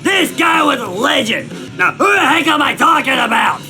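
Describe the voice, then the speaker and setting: A man voicing an ancient, cranky Australian squatter who shouts and rants at everything in a video game, with a gravelly Australian accent. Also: extremely high pitch, big pitch swings, normal speed, a faint crowd, exaggerated voice. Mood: ranting. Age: older. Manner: shouty, grumbling old-timer rants. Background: game music.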